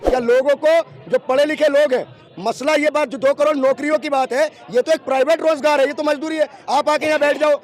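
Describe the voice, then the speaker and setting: Argumentative man with a very high voice. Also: fairly even intonation, fairly quick. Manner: argumentative, fires rhetorical questions. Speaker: debate participant. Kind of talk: heated street debate.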